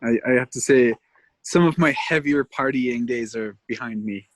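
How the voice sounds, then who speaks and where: A man's voice: medium pitch, moderate pace, no room sound. A man from Canada, a tour guide, telling rambling stories in a casual interview, laughing often and leaning on fillers.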